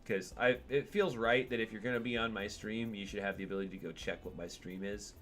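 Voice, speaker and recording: A man's voice: on the low side, fairly even intonation, quick pace, fairly bright tone. A man streaming a game from home, chatting in a digressive way and talking to his cat as he plays. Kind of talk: casual gameplay stream commentary.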